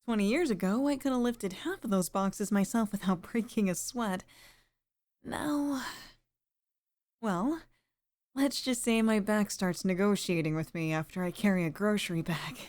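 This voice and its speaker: In an intimate ASMR roleplay, a woman portrays a sweet, middle-aged single mother, flirting softly with sighs and pauses. Her medium-pitched voice is close to how she'd normally talk, and she comes across as grateful and warm.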